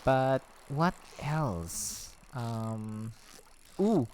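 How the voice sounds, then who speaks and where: This man, a gaming vlogger from the Philippines, speaks extremely slowly in an animated, mid-range voice with a darkish tone. He chats casually during gameplay, rambling with plenty of ums, slightly breathless and easily sidetracked. A little hiss or hum sits under the audio.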